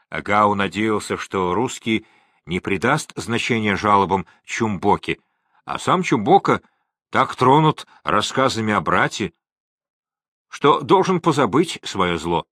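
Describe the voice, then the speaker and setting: A man reading a novel aloud as audiobook narrator, slow and expressive. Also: on the low side, no echo, clean studio sound. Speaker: audiobook reader.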